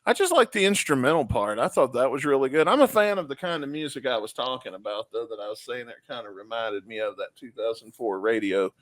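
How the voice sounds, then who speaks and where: A man's voice: mid-range voice, lively intonation, fast, hardly any pauses. A man with a mid-range voice chats casually as a music review co-host. The sound is dry, with no room echo. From Memphis, United States. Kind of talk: casual chat.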